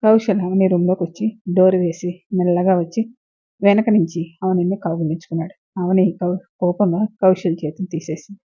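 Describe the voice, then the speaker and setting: A woman storyteller narrating a serial story in a calm, even manner, in a dull lo-fi recording. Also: on the low side, a little fast, slightly rough, no room sound.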